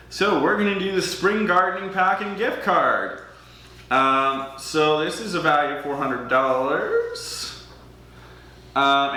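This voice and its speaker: A man's voice: a little high, bright, forceful tone. A young man from Alberta, Canada, hosting a charity auction on a livestream, chatty and self-deprecating, often hesitating with ums. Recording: very echoey room.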